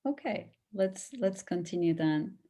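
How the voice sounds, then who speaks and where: A woman's voice: on the low side, animated, a little slow, warm tone. A woman moderating an online panel on a video call, politely restating questions with examples.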